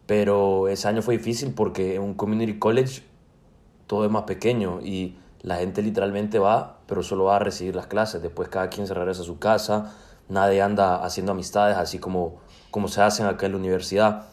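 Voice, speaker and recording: A young man in his twenties speaks with a Salvadoran Spanish accent, his voice sitting fairly low. He answers interview questions casually, pausing often on fillers and restarting his phrases. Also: little pitch movement, darkish tone. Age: 20s. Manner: hesitant, many fillers and restarts. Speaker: student guest.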